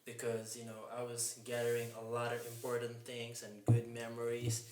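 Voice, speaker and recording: An earnest Japanese man in his 20s, a fitness mentor, is a guest on a casual podcast interview. He speaks haltingly in a mid-range, darkish voice with a completely flat delivery, linking ideas with "and then", in an echoey room with faint noise.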